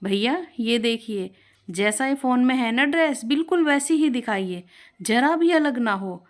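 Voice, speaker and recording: A woman's voice: on the high side, lively intonation, measured pace, pitched above the performer's own voice. A woman voicing a vain, bossy older mother-in-law who talks in a snappy, scolding way. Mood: fussy.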